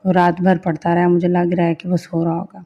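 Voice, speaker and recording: A woman narrating a first-person dramatic story in a slow, steady reading. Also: fairly low pitch. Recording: dull lo-fi recording.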